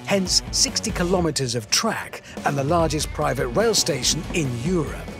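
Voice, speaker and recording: A man narrating a documentary voice-over in a wry, lively way. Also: on the high side, moderate pace, over music.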